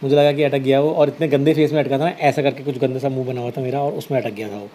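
A man's voice: medium pitch, steady tone, quick pace, mellow, a little hiss or hum. A man from Uttarakhand hosting a casual live stream, reading viewer comments aloud and answering them with easygoing reassurance. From Uttarakhand, India. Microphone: headset.

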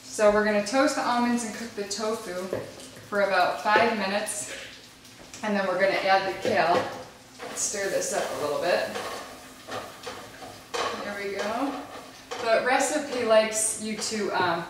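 Speaking slightly slowly at a medium pitch with long pauses, a woman in her thirties patiently walks viewers through a casual cooking demo while urging small children along. She is a mother filming in her large home kitchen with a camera across the counter. The audio is echoey and noisy, with pans, dishes, clicks, and kids audible.

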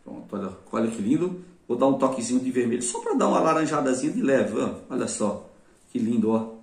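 A man's voice: medium pitch, sing-song, fairly quick. A man with a Brazilian Portuguese accent teaching a craft step by step in a chatty way, often speaking to viewers and praising his work. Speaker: craft instructor. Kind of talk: casual step-by-step craft tutorial. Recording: roomy sound from a mic at a distance.

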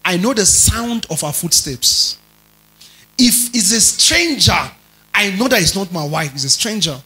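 A man preaching a sermon as pastor. He moves between quiet asides and loud, drawn-out emphasis, and keeps asking the congregation questions. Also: high voice, very animated, poor audio. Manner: dramatic preaching, shifts between soft asides and shouted emphasis.

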